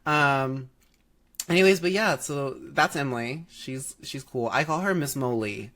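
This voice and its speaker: A man in his twenties, congested from allergies, co-hosting a casual podcast chat in a sassy, animated way with frequent laughter. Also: medium pitch, unhurried. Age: 20s. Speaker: podcast co-host.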